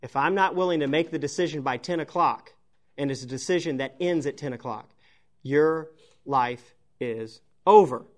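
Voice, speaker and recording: A man preaching a sermon, telling a comic story in a lively, self-mocking way. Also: on the high side, fast.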